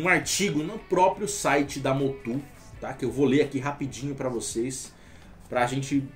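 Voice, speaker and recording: A Brazilian man who sells motor oil, talking casually to the camera and reading a text aloud with halting restarts. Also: a little high. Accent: Brazilian Portuguese. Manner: chatty, explanatory, reads aloud haltingly with restarts.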